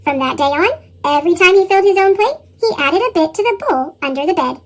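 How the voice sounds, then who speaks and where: Chipmunk voice storybook reader, super high squeaky pitch, swoops around a lot. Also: expressive, fast. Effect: sped-up, pitched-up chipmunk voice. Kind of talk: storybook read-aloud narration.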